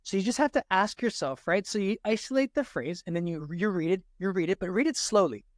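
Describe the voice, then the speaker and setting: A man's voice: high-pitched, expressive, quick pace, no echo, clean studio sound. A man teaching an SAT grammar lesson, talking straight to his viewers and checking in with them constantly. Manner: talks straight to viewers with frequent "right?" checks. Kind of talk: explaining grammar to students.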